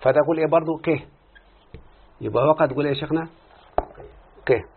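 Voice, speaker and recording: In this recorded lesson, a sheikh with an Egyptian Arabic accent explains Arabic morphology, firing questions at his students, supplying the answers himself, and mixing classical with colloquial Arabic. He speaks at a racing pace in a fairly high, gravelly voice. Slight background noise sits under thin, phone-like lo-fi sound.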